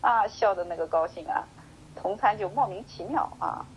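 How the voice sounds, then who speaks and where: A woman teaching a Buddhist sutra lecture, telling the story with lively acted-out dialogue and many drawn-out sentence-final particles. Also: medium pitch, background noise. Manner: slow measured chanting when reading scripture.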